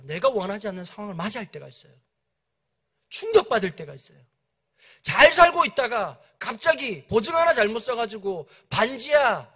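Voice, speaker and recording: A man preaching a revival sermon in a church. He keeps asking the congregation questions and swells into shouts. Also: high voice, breathy edge. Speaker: guest pastor at a revival meeting. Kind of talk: impassioned sermon. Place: church sanctuary.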